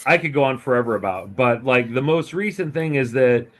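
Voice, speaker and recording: A man speaking as a podcast guest in relaxed, chatty casual conversation. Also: mid-range voice, a little fast. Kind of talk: casual chat.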